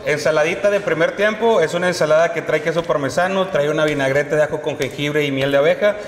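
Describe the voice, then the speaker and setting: A man's voice: fairly high pitch, fast talker. A man serving food, presenting the courses in a polite, friendly way full of little diminutives. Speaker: cook serving the hosts. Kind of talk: presenting a menu. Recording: roomy echo, long reverb, faint noise.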